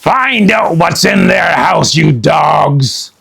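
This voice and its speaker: A man puts on a bullying pirate captain with a rough, gravelly growl. He drags his words out slowly and barks them loud, pitched a little above the reader's own voice. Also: lively intonation, exaggerated voice. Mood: gruff roaring. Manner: slow growling roar. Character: brutish greedy male pirate captain.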